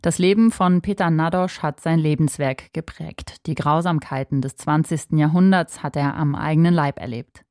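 A woman's voice: low-pitched, normal speed, few pauses, darkish tone, no room sound, clean studio sound. A woman reporter reading a scripted obituary narration. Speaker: radio reporter.

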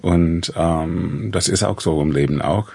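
Deep gravelly man. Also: a little mellow, dry recording. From USA. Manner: thoughtful, halting, with many restarts and fillers. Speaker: composer. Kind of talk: interview conversation.

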